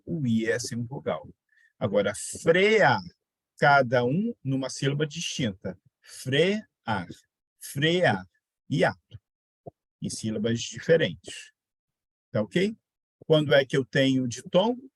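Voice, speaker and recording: A man's voice: mid-range voice, breathy edge, no room sound. A man teaching a grammar lesson, repeating example words and quizzing his students. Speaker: Portuguese teacher. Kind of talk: online exam-prep grammar lesson.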